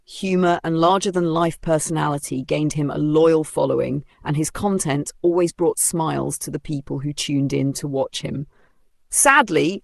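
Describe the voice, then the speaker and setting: A channel narrator giving a formal, even, sombre scripted news read. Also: mid-range voice, gravelly, no echo.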